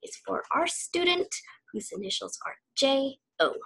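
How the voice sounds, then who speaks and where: Slow, lively-voiced woman reading to children. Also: high voice, vocal fry. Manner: warm, slow, question-asking teacher talk. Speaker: teacher reading to students. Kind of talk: children's read-aloud.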